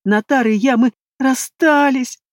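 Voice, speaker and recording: A woman's voice: sits high, measured pace, dry recording, studio quality, pitched above the performer's own voice. A woman voicing a young newlywed who wails and sobs through tears, indignant and heartbroken, in a storybook reading. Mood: wailing. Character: sobbing young woman, newly separated bride.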